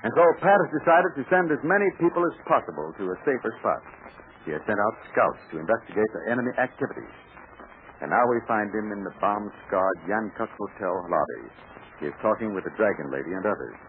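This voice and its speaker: A man's voice: fairly low pitch, lively intonation, quick pace. A man with an American accent announcing and narrating an old radio adventure serial, with an emphatic, showmanlike delivery. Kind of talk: old-time radio announcer, scripted narration and sponsor pitch. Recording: scratchy 1940s radio recording, narrow band.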